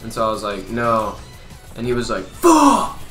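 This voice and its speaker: Bright-voiced man telling a laid-back anecdote. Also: fairly low pitch, fairly even intonation, very fast, faint music behind. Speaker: friend playing a video game. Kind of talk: casual chat while gaming. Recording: echoey room.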